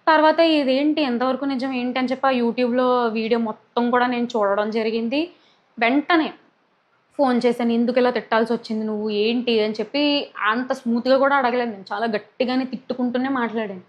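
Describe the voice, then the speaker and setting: A woman's voice: a little high, fairly even intonation, fairly quick, muffled recording. A young woman speaking to camera, upset and indignant, dropping English words into her talk. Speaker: YouTuber. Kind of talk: talking to camera, personal statement.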